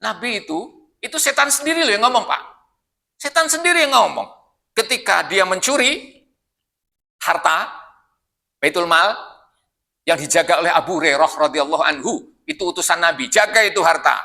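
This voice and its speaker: Male preacher, fairly high voice, very bright tone, animated storytelling sermon. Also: normal speed, creaky, long pauses. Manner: lively storytelling, addressing listeners directly. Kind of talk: mosque sermon. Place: mosque.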